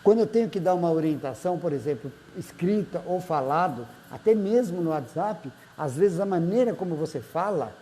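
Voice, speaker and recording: A man's voice: fairly high pitch, expressive, fairly quick, few pauses, mellow, low-quality recording. A man, a therapist giving a conversational talk and checking in with listeners by name. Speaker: therapist and speaker. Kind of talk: live-streamed talk greeting viewers.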